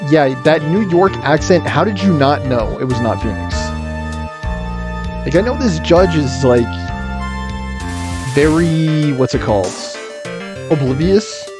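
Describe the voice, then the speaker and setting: A man's voice: a little high, expressive, a little slow, pauses often. A man streaming a game, chatting casually and thinking aloud between bits of reading. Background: music.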